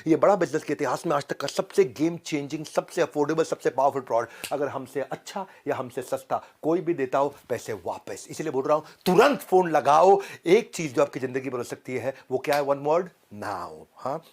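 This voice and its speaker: A man in an energetic, dramatic sales pitch, full of punchy slogans and rhyming lines. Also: moderate pace, few pauses. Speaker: motivational speaker.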